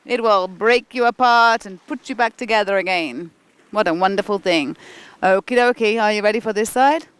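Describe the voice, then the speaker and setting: A woman's voice: mid-range voice, normal speed, clear, resonant tone, no room sound, rough recording. A woman leading a guided kundalini yoga class as the instructor, encouraging and informal, with chatty asides between directions.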